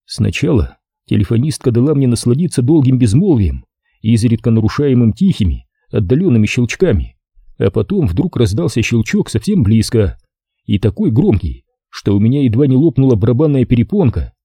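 A man reads a first-person story aloud in a wry, measured way, his pitch moving lively through each sentence. His voice is very dark and husky. It is recorded close and dry. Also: no room sound. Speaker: audiobook narrator. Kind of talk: first-person audiobook narration.

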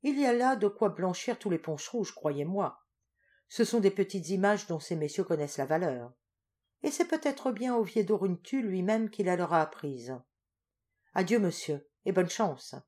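A woman voicing a scheming, sardonic male general-dictator in a storybook reading, with a brisk commanding manner. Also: fairly low pitch, expressive, a little mellow.

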